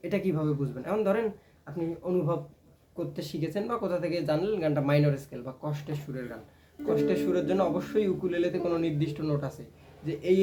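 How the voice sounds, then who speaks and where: Man teaching ukulele, higher voice. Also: warm tone. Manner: explains step by step, often asks "right?". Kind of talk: casual music lesson. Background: ukulele playing.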